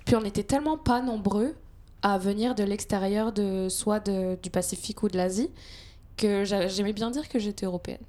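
A French woman whose accent has a light Quebec touch, co-hosting a casual panel chat and telling animated stories at a quick clip. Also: mid-range voice. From France.

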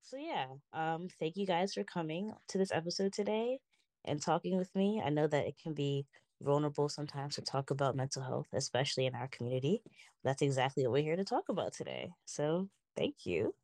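A young woman hosting a casual podcast, relaxed and encouraging as she asks her guests questions. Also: low voice, brisk, no echo. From United States. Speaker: podcast host.

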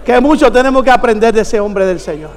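A male pastor delivers a fervent sermon and rises into emphatic, shouted declarations. His voice sits unusually high. The sound rings with a long reverb, as in a large hall. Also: expressive, quick pace, a little hiss or hum.

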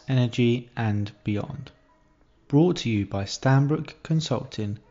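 A man's voice: medium pitch, a little mellow, dull audio. A man hosting a podcast interview, with a friendly manner. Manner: friendly, laughs often. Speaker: podcast host.

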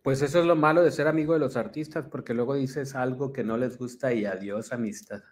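Brief: man, mid-pitched co-host, conversational, throws in quips. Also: brisk. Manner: conversational, quips and asks questions. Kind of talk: casual gossip chat.

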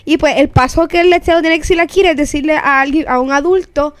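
Young boricua girl chatting in spanglish, high voice, dry close sound, slangy and sweary. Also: fast talker, no room sound. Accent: Puerto Rican. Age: young adult. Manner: Spanglish, drops English phrases into Spanish. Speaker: podcast host. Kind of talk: casual chat.

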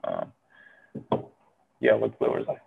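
Speaking slowly, a young man in his early twenties from Syria, a medical student vlogger with a Syrian Arabic accent, rambles through a filler-heavy, self-deprecating monologue. The audio is narrow and tinny, with a little hiss or hum.

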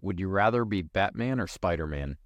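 A man's voice: sits low, animated, fairly quick, no echo, dull audio. A man co-hosting a podcast, joking, swearing freely and pressing his point in casual chat. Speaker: podcast co-host.

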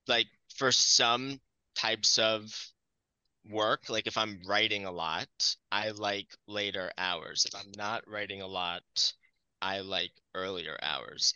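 A man speaking haltingly with long pauses in a casual podcast chat. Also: lowish voice, pushed and bright, clean tone, no echo, highs cut off. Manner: halting, pausing speech. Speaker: podcast guest.

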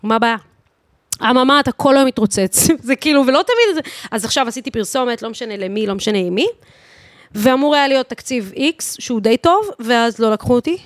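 A woman in her early thirties with a fairly high voice and an Israeli accent. She talks casually and emphatically, peppering her speech with slang and English swear words. The sound is close and dry. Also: lively intonation, no echo. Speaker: guest singer, DJ and voice teacher. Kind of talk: casual podcast chat.

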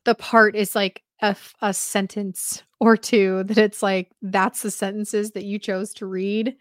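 A woman co-hosting a podcast, chatting in a relaxed way, often hesitating with filler words. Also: medium pitch, measured pace, no echo, studio quality. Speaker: podcast co-host. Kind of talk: casual chat.

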